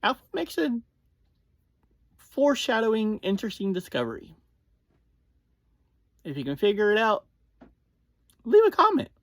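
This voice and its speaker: Talking straight to listeners, this podcast reviewer recaps in a relaxed, informal style with huge pitch swings around a mid-range voice. Delivery is slow and choppy, full of self-corrections, in a dry recording without echo.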